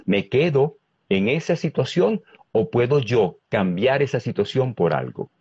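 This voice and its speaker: Venezuelan man, lively speaker, husky and low, dry dull recording. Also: unhurried, dry recording. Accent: Venezuelan Spanish. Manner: lively, asks many rhetorical questions. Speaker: guest speaker on emotional intelligence. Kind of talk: animated explanatory talk with rhetorical questions.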